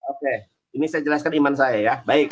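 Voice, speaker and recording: A man in an interfaith debate, explaining his faith and reciting Arabic verses in a slow, chanting way, teasing his opponent when interrupted. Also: medium pitch, crowd noise.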